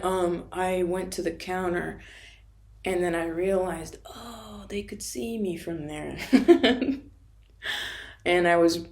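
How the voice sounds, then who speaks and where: Woman rambling thru an old story, swears a lot, laughs at herself, kinda low and gravelly. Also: darkish tone. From Florida. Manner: rambling, profane, self-mocking, laughs often. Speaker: vlogger. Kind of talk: casual storytelling monologue.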